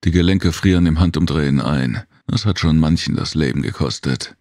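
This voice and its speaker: A masked alien guardian, voiced by a male narrator, very deep and gravelly. He gives measured, emotionless warnings with no feeling showing. The sound is dry and close. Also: darkish tone, no echo. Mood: cryptic. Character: masked alien protector, cryptic, calm. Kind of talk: audiobook character voice.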